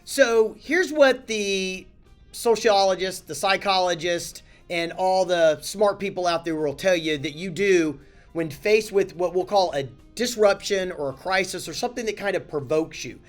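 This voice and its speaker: A man, a company chief, giving a casual, animated talking-head lesson on handling crises, blunt and self-correcting. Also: high voice, measured pace, faint music behind. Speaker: company CEO teaching communication.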